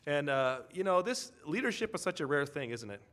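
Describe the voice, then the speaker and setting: A man's voice: on the high side, sing-song, fairly quick, fairly bright tone. Man preaching in a conversational storytelling way. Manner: storytelling, with tag questions to the congregation. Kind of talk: conversational sermon.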